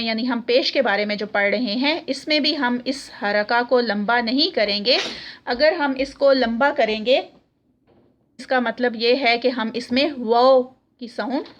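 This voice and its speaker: A woman with a Pakistani Urdu accent, teaching Quran reading and reciting letter sounds slowly. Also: a little high. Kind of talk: recorded Arabic letter lesson.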